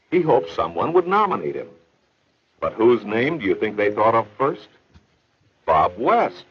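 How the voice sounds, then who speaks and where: A man narrates an educational film in an earnest, explanatory storytelling style. His voice is fairly low with a breathy edge, heard through a dull old film soundtrack carrying faint hiss.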